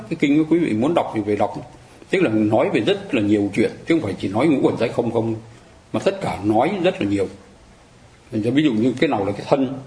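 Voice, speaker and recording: Mellow-voiced teacher. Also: male voice, mid-range voice. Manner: conversational, asks listeners rhetorical questions. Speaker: Buddhist dharma teacher. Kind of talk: explanatory dharma lecture. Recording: roomy echo, faint ambient noise.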